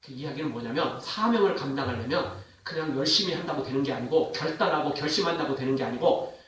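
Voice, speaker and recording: A man preaching a sermon with an animated, high-pitched voice whose pitch climbs and drops constantly. He keeps throwing questions at the congregation. The sound is heavily echoey and comes from well back from the microphone. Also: quick pace, recorded from a distance. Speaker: pastor. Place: church sanctuary.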